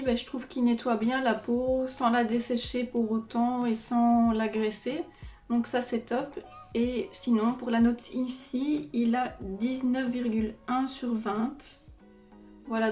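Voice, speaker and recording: A woman beauty vlogger talks through her skincare routine in a relaxed, chatty way, stringing thoughts together with fillers. Her voice sits a little high but stays mellow and even. The room around her is echoey, with soft music in the background. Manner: chatty, many fillers and "donc". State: pregnant. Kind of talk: casual product review.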